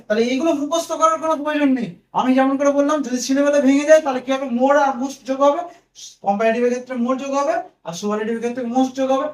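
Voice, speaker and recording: A man's voice: very high-pitched, rapid-fire. A man teaching English grammar to students, patiently spelling words out letter by letter. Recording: echoey room, mic at a distance.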